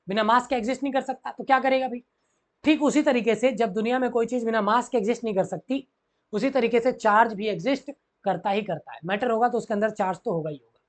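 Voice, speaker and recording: A man's voice: very high-pitched, a bit bright. A man teaching physics to school students, who repeats key phrases and keeps asking the class questions. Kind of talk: classroom lecture mixing Hindi and English.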